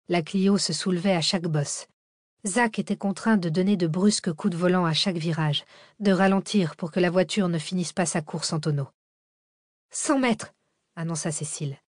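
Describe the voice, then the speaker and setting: A woman reads a thriller audiobook in a steady, measured way. Her voice sits on the low side, and the recording is dry and close. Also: no room sound. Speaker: audiobook narrator. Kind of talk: scripted narration.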